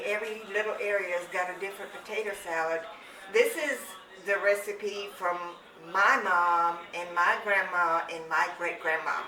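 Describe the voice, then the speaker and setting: This older woman, who comes from Rhineland-Palatinate, Germany, hosts a home cooking channel and explains a family recipe step by step in a warm, chatty, casual style from her home kitchen. Her medium-pitched voice is bright with a forceful tone. The recording carries a little hiss or hum, and her voice sounds distant in an echoey room.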